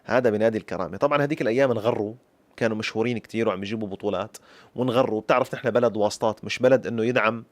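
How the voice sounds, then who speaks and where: A man in his twenties with a Syrian accent, telling a true childhood story in the lively manner of a folk storyteller who keeps addressing his listeners. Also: lowish voice, very fast, no echo. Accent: Syrian Arabic. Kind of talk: personal story told to camera.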